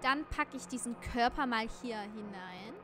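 A woman's voice: on the high side, a little slow, music in the background. A woman playing a video game, commenting casually and hesitantly as she thinks aloud. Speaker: let's play gamer. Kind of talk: casual let's play commentary.

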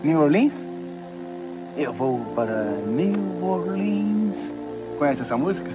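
Wry middle-aged writer, joking, muffled film sound. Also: male voice, on the high side, sing-song, slow pace, over loud music. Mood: playful. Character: witty, easygoing middle-aged male writer. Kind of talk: Brazilian Portuguese film dubbing.

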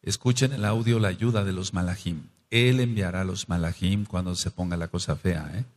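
A man with a Mexican accent teaching a scripture study, who explains and exhorts in short phrases with quick asides. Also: low-pitched, steady tone. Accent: Mexican Spanish. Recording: long reverb.

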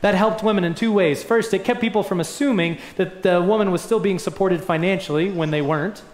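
A young man delivers a sermon from a lectern, earnest and emphatic, pressing his points with rising swells. His voice sits fairly high for a man. The sound rings around a roomy church sanctuary. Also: a little fast. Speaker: pastor. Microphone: lectern mic. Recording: echoey church room.

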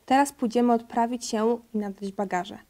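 A woman's voice: on the high side, steady tone, moderate pace, mellow, natural voice. Sensible mother pig read by a woman, matter-of-fact.

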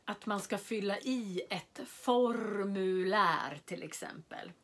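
A woman teacher in an unhurried beginners' lesson. She draws out single words and says them again and again so learners can hear each vowel. Her pitch sits in an ordinary middle range. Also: fairly bright tone. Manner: stretches and repeats single words to model pronunciation. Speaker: Swedish language teacher. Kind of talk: slow, carefully enunciated lesson for beginners.

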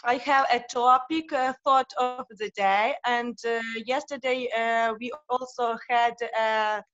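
Ukrainian accent lady, hesitant english, really slow, dull video call sound. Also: a little high, fairly even intonation, fairly bright tone. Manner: halting, hesitant non-native English. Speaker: club member presenting thought of the day. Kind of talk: informal speech in an online meeting.

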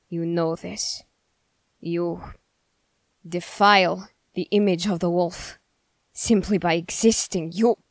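In a scripted ASMR character roleplay, a woman voices a stern, suspicious young male witch hunter, speaking formally and accusingly with deliberate pauses. Her voice is on the low side, creaky and a little mellow, with no room sound.

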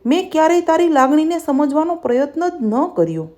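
A woman's voice: sits high, big pitch swings, brisk, dark tone, voice pushed up. A woman voicing a remorseful husband who apologizes through tears in a read-aloud story. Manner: tearful, apologetic.

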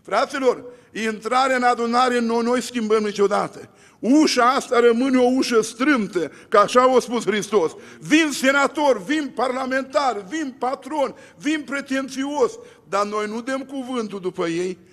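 A man's voice: very high voice, fairly bright tone, in a large hall. A male pastor preaching a sermon, emphatic, with repeated lists and rhetorical questions.

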